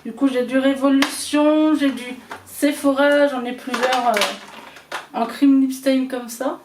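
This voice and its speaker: A woman with an Alsatian accent talks casually through her makeup as a vlogger, her voice high. She pauses often on fillers. Her voice sounds roomy and a little distant, with clear background noise. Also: fairly even intonation. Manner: chatty, hesitant with many fillers. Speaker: beauty vlogger. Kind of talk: casual chat showing makeup. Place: small room at home. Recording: roomy echo, away from the mic, noisy.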